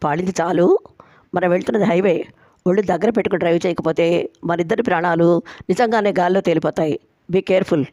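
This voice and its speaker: A woman's voice: lowish voice, a little fast, long pauses, darkish tone, no echo, studio quality, lightly acted. Bossy young bride-to-be, as a woman narrator reads her. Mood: scolding. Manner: firm, teasing, laying down conditions.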